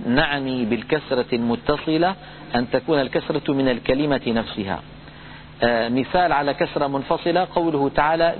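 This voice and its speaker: A man giving a recitation lesson, explaining pronunciation rules in a calm lecture and chanting example words slowly. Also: mid-range voice, a little hiss or hum. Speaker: Quran recitation teacher. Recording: tinny phone-like lo-fi audio.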